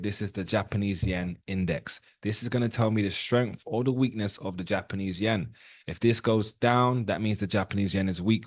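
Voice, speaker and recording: A man's voice: on the low side, no echo, studio quality. A man in his thirties teaching trading on a live call, casual and direct, often asking his viewers questions. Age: 30s. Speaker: trading educator.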